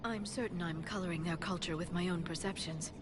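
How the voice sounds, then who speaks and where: An actress voicing an earnest young female alien scientist who talks in a thoughtful, careful way, in game audio with clear noise behind. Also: on the low side, steady tone, a little fast, natural voice.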